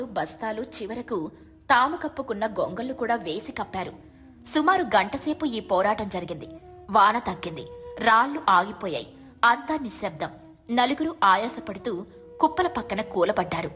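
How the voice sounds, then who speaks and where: A woman giving calm, clear, scripted storybook narration for an animated moral tale. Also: medium pitch.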